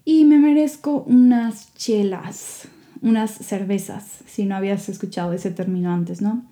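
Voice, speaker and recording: A young woman tells a funny everyday story in a casual vlog, acting out the quoted voices with lively jumps in pitch. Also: a little slow. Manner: animated, acts out quotes with rising pitch.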